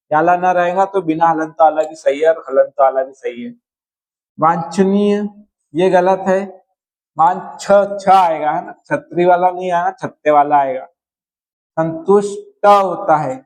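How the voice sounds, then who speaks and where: Man, grammar teacher, unhurried, higher voice, word-by-word explanations, frequent check-ins. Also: poor audio. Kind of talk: slow spelling-correction lesson.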